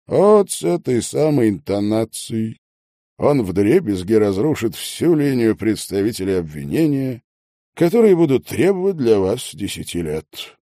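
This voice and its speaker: A man voicing a calm, polite and sardonic young male investigator in an audiobook. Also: lowish voice, unhurried, dry recording, studio quality. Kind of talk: audiobook character voice.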